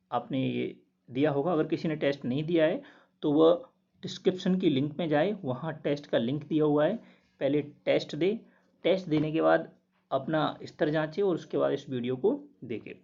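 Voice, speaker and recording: A man's voice: on the high side, gravelly. Methodical male Hindi teacher, dull recording. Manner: steady, methodical, repeats each word slowly. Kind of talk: explaining answers to a quiz.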